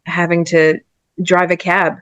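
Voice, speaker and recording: A woman's voice: fairly low pitch, flat delivery, measured pace, a bit bright, no echo. A woman, a podcast guest chatting casually and laughing often. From New Jersey and New York area. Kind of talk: casual chat.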